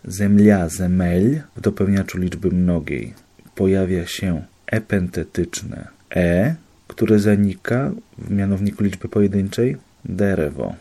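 Low, husky man; student walking peers through examples methodically, lesson style. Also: measured pace, mellow. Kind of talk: explanatory lesson.

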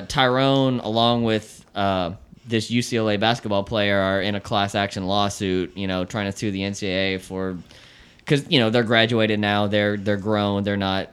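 A man co-hosting a casual talk show, explaining at length with many restarts and pauses. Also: lowish voice, fairly bright tone, clean tone. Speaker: podcast co-host. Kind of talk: casual chat.

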